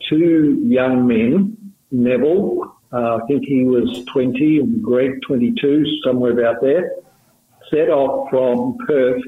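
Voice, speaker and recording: A man calling in as a radio guest, telling a story in a measured way over the phone. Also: mid-range voice. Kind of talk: radio interview. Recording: tinny echoey phone line with hiss.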